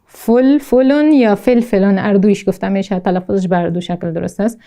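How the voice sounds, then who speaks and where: A woman with an Afghan Dari accent teaching a recorded language lesson, slowly repeating each word twice and explaining with frequent hesitations. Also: medium pitch, fairly even intonation, mellow. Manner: slow, deliberate pronunciation drills, repeating each word twice. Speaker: Arabic teacher.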